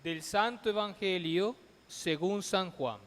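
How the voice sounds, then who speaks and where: A high-voiced man reads the Gospel at Mass in a solemn, measured way. He speaks slowly, declaiming phrase by phrase with pauses. His voice rings through the long echo of a large church, like a cathedral. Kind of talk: solemn liturgical scripture reading.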